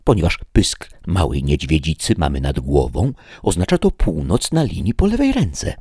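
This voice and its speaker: A man's voice: sing-song, moderate pace, mellow, husky, dry recording, clean studio sound, exaggerated voice. Sancho, a man doing a timid squire. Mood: pleading. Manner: pleading, high and strained. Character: timid pleading peasant squire, middle-aged man.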